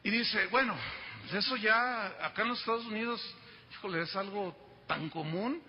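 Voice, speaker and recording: A man preaching in a church hall, his voice high for a man and lively as he tells a story and acts out its voices. The sound is dull, with a long echo trailing through the hall. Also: moderate pace, a little hiss or hum. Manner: animated, acts out the quoted voices. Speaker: pastor. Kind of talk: sermon storytelling.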